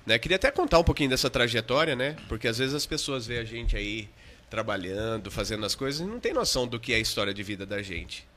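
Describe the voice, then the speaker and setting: Bright-voiced Brazilian man, podcast guest. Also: mid-range voice, expressive, fast. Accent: Brazilian, São Paulo countryside. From interior São Paulo, Brazil. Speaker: podcast guest, orchestra conductor. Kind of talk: casual interview chat.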